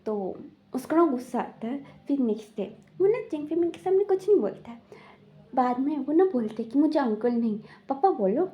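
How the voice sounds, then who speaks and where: A woman's voice: sits high, expressive, normal speed, muffled recording. A woman casually retelling a drama plot, rambling with many fillers and quoting the characters. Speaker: drama recap narrator. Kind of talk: casual storytelling recap.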